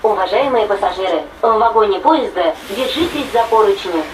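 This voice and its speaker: A woman making calm, formal station announcements, played over a train loudspeaker. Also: a little fast, recorded from a distance. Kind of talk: recorded transit announcements. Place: inside a moving subway train. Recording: echoey carriage speaker, heard from afar, over train rumble.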